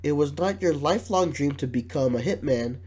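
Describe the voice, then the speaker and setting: A podcast host, sick and congested, speaks in a nasal, fairly high-pitched voice that's expressive, fairly quick, darkish and slightly rough. He keeps things casual, reading questions aloud between jokes and frequent laughs.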